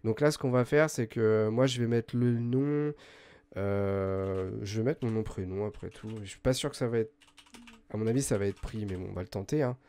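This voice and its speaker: A man hosting a software tutorial, explaining step by step in a chatty way, full of hesitations and self-corrections. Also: fairly low pitch, moderate pace, smooth. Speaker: host of a web tools tutorial channel. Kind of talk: screen-recorded software tutorial.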